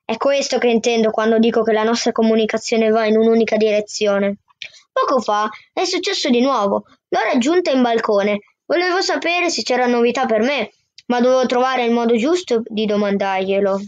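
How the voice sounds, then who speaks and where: A woman reading a novel aloud in a steady first-person narration. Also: on the high side, fairly quick, no echo. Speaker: book reader. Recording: dull, dry lo-fi sound.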